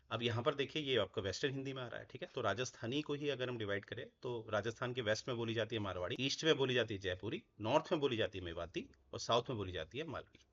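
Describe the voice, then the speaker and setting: Male teacher, patient classroom lecture style, mid pitch, slightly dull lo-fi recording. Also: fairly bright tone. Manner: explains step by step, often asks "right?". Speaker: Hindi teacher.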